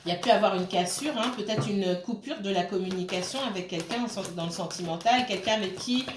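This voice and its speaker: A woman's voice: medium pitch, fairly quick, noisy background. Hesitant woman reading tarot, roomy sound. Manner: hesitant, with many fillers and restarts; checks in with listeners often. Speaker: tarot card reader. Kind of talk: casual tarot reading to camera. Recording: roomy echo.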